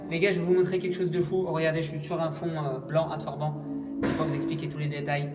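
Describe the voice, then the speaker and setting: A man's voice: on the high side, flat delivery, fast, music in the background. A man chatting to viewers in a casual travel vlog, hesitant with many fillers, recorded outdoors and on the road. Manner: chatty, addresses viewers as "les gars". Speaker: travel vlogger. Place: outdoors in a city and in a vehicle. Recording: noisy outdoor vlog audio.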